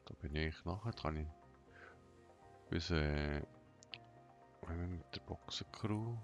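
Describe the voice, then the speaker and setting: A man giving an unscripted game walkthrough in a flat, emotionless monotone, thinking aloud in short, hesitant fragments. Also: sits low, slow. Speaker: gaming tutorial host. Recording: dull lo-fi sound, music behind.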